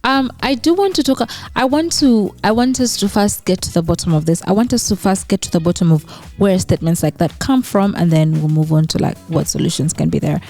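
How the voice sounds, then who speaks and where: This Western Ugandan YouTuber speaks at a medium pitch, animated and fairly quick with few pauses, her tone dark against faint background music. She runs her casual commentary vlog in a conversational way, leaning on "you know" and frequent "right?" tags.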